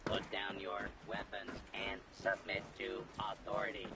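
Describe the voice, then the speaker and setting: A cold, flat male security robot for a video game. His slow, gravelly monotone comes in clipped words that sound spliced together through a robotic filter, and loud gunfire and blasts crackle behind him. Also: fairly low pitch. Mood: commanding. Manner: monotone, terse one-word commands.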